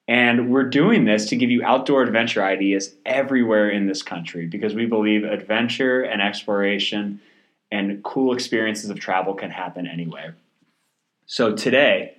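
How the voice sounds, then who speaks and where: A man's voice: on the low side, fairly bright tone, roomy sound. A man co-hosting a travel podcast, chatting casually and joking with his co-host in a coworking space.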